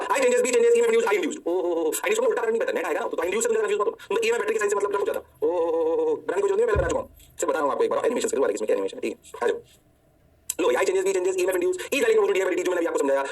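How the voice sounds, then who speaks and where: A high-pitched male physics teacher with a Hindi accent races through his lecture at a rapid clip. He plays both teacher and student, answering his own questions with mock praise. His voice sounds a little distant from the microphone. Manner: playful, answers himself in a student's voice. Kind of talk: energetic lecture.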